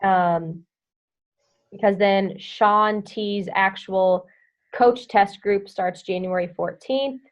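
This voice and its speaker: A woman's voice: mid-range voice, slow pace. A chatty young woman leading her team through a casual update. She strings her thoughts together with constant "like" and "um" and hums small filler tunes while she thinks. The sound is dull and lo-fi. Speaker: team coach leading a group call. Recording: dull lo-fi audio.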